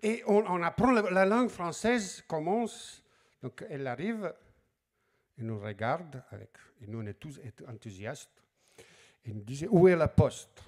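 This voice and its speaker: A man's voice: a little high, lively intonation, a little slow. A middle-aged man with a Slavic accent, an author telling anecdotes at a public talk, acting out quoted lines and repeating words as he searches for them. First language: Slavic language. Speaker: author speaking at a library talk.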